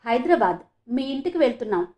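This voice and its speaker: A woman voicing a calm, polite young male doctor in a read-aloud story. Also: fairly high pitch, quick pace. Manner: steady, polite.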